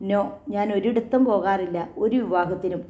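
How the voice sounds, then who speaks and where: A woman's voice: mid-range voice, fairly even intonation, moderate pace, dark tone, echoey room, lightly acted. A woman voicing a stern, aloof older woman who owns a shop, speaking curtly and with command. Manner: curt, commanding. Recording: dull lo-fi audio.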